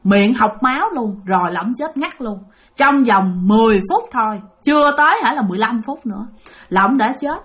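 A woman with a Southern Vietnamese accent tells a ghost story, lively and dramatic as she talks straight to her listeners. Her voice sits fairly high and moves through a wide, animated range. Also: moderate pace. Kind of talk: spoken ghost-story telling.

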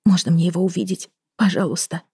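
Woman reading as a high, pleading young female killer. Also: fairly even intonation, fast talker, warm tone, slightly rough, no echo, studio quality. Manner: pleading, breathless, rising pitch. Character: desperate young woman confessing to murders. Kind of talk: audiobook reading.

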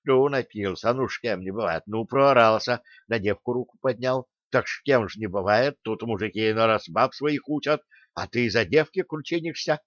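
A fussy older man who wails and clucks over his friend, as a male narrator puts him on. His lament runs on in a soft, fretful stream. The recording is dry and dull. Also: mid-range voice, moderate pace, dry recording, lightly acted. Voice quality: wailing, clucking.

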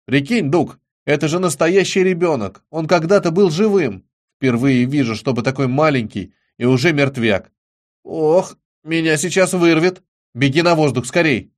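A man's voice: fairly high pitch, normal speed, close to an everyday voice. Man doing an anxious, queasy boy. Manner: anxious and urgent.

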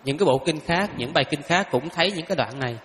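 A monk speaks up in class to explain the doctrine with emphasis. His voice sits fairly high for a man and trails off into a long reverb. A faint hiss lies under it. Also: animated, fast talker, fairly bright tone.

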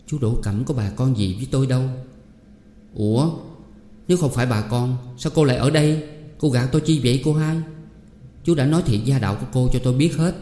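A man voicing a boastful, pushy rich young male scholar who talks loudly. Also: mid-range voice, a little fast, close to an everyday voice. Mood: puzzled. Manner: pleading and boastful, loud. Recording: echoey room with long reverb.

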